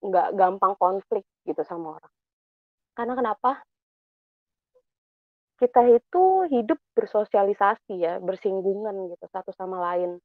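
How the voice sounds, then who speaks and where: Young woman, casual guest chat, animated storytelling, dry tinny video-call audio. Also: mid-range voice, no room sound. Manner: chatty, animated, acts out quoted thoughts. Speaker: guest speaker. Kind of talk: casual personal talk.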